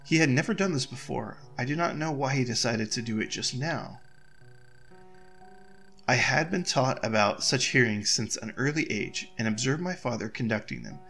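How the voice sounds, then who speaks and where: A man's voice: mid-range voice, lively intonation, moderate pace, vocal fry, fairly bright tone, faint music behind. A man voicing a nervous young princess in a game, who frets aloud and keeps repeating reassurances to herself. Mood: composed. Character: nervous young princess, anxious heir to throne. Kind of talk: reading game dialogue aloud.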